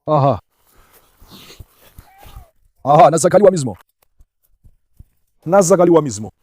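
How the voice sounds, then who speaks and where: A man narrating a tense outdoor adventure vlog, urgently calling out to his dogs and switching between loud shouts and hushed warnings. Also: on the high side, lively intonation, unhurried, dry recording. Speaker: vlogger and dog owner. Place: forest at night.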